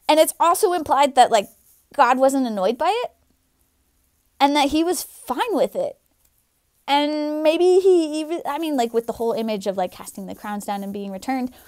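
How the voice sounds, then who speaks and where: A woman's voice: high voice, no echo, clean studio sound. A young woman speaking to camera from her living room, sharing an opinion in a chatty, earnest way full of fillers. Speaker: vlogger. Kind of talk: casual opinion vlog.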